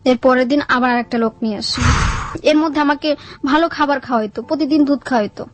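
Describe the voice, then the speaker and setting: Speaking fast in a high voice with no echo around her, a young adult woman shares her life story as an interview guest. She has a Bangladeshi Bengali accent and a colloquial, plain-spoken style.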